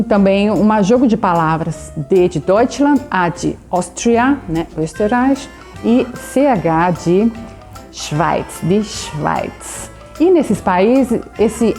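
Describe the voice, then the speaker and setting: A woman teaching a German lesson in a dark, mellow voice, slowing right down to model German phrases. She rolls her R the southern German way and keeps checking in with the viewer. Soft music plays faintly behind her. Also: medium pitch. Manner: fillers of "né?" and "tá bom?" to check in with the viewer. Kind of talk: language lesson.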